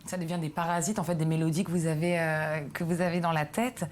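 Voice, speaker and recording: A woman's voice: sits low, fairly even intonation, fast, a little hiss or hum. A woman hosting a TV culture interview in a studio, asking questions with frequent hesitant fillers. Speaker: TV culture host.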